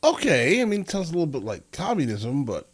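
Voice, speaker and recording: A man's voice: fairly high pitch, very animated, fairly quick. A man hosting a reaction video, cutting in with blunt jokes and casual commentary. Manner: blunt joking interjections.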